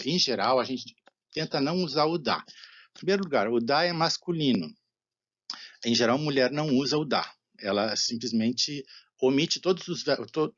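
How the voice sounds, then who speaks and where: A man with a Brazilian Portuguese accent gives a recorded Japanese lecture, explaining patiently, often asking "né?" and slowing down for example phrases. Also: medium pitch, a bit bright, muffled recording. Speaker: Japanese language teacher.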